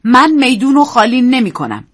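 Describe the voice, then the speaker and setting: A woman reading a story, voicing an earnest man in love who pleads quietly and tenderly. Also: a little high, sing-song, pitched above the performer's own voice. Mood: insistent.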